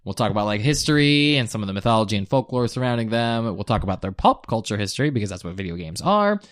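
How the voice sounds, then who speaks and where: A man's voice: fairly low pitch, sing-song, fast talker, no room sound, studio quality. A man hosting a casual podcast, explaining things in an informal way with lots of "like" thrown in. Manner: explanatory, peppers talk with "like". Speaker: podcast host.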